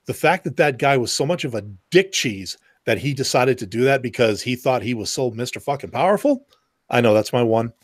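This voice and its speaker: On a casual round-table podcast, a male co-host tells anecdotes, acting out the quoted exchanges and the people in them while swearing freely. His medium-pitched voice is animated and fairly quick, captured in a dry, clean studio recording.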